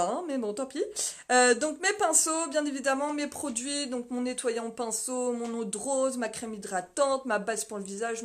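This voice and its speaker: Woman vlogger, fairly high voice, casual and rambling, live from a home office on a phone. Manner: chatty and rambling, many fillers and restarts; laughs often, reads viewer comments aloud. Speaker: vlogger hosting a live video. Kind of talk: casual live chat, touring her office. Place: small home office, indoors. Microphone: phone mounted on a stand.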